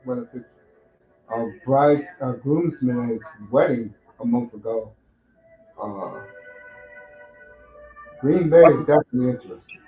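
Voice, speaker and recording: A man hosting a casual sports chat, opinionated and lively, calling his guests bro. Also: mid-range voice, measured pace, pauses often, echoey room, lo-fi sound, soft background music. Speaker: podcast host.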